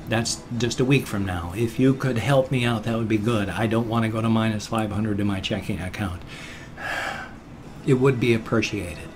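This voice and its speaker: A man's voice: medium pitch, a little mellow, slight background noise. A man in his fifties chatting in a casual vlog, rambling, earnest and self-deprecating, talking with his hands as he sits. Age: 50s. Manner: talks with his hands while seated. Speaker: vlogger.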